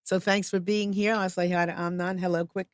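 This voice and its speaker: A woman's voice: lowish voice, flat delivery, a little fast, dry recording. A woman hosting a live studio talk show, upbeat, chatty and welcoming. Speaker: show host.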